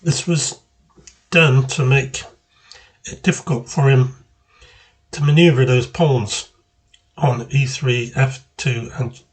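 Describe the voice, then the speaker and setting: Guy going through his chess game move by move, really slow, casual, stops mid sentence to think. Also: medium pitch, steady tone, low-quality recording. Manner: hesitant, thinking aloud, pausing mid-phrase. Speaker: chess player annotating own game.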